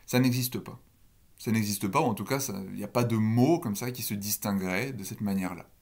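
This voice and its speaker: A man's voice: lowish voice, fairly quick, a little mellow. A man giving a recorded university lecture on phonology, explaining step by step and asking the listeners questions.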